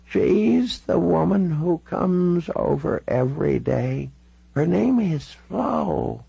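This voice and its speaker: A gentle, confused old Canadian woman of ninety-six drifts through her words in a high, slow, quavering voice, as a man reads her in an audiobook. The sound is husky and dry, close to the mic. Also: animated, no room sound, dull audio, exaggerated voice. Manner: drawn-out, wandering speech. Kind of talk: audiobook character voice.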